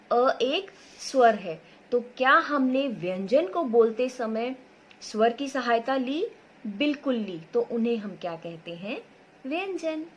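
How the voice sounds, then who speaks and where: Brief: female primary teacher, patient and slow, bright sing-song questions, stretches each sound for little learners. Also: a little high, muffled recording. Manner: slow, patient, asks questions and answers them herself; stretches sounds out to model pronunciation. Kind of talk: recorded online lesson for young children.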